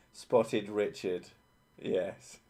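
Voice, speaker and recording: A man's voice: on the low side, steady tone, extremely slow, a little mellow. A British man who sometimes drops his T's into glottal stops, chatting casually with sweary, sardonic banter. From Britain. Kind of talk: casual joking chat.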